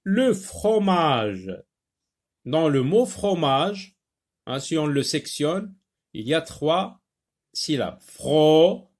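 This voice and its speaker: A man's voice: fairly high pitch, expressive. A man teaching a French phonics lesson to young children, drawing out and repeating sounds and words, with a North African French accent. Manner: slow, drawn-out, repeating sounds and words for pupils.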